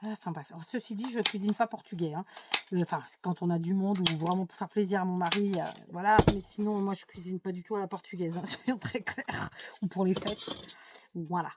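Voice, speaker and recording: A middle-aged woman from France with a lowish, brisk voice chats to her viewers as a YouTube vlogger while doing a craft task on camera. She's opinionated and full of fillers and asides, and the home recording is noisy.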